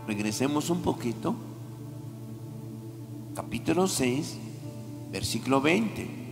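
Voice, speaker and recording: A woman preacher delivers an impassioned sermon, calling out to the congregation and rising to shouts. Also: extremely low pitch, expressive, takes it slowly, vocal fry. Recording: reverberant hall with music behind.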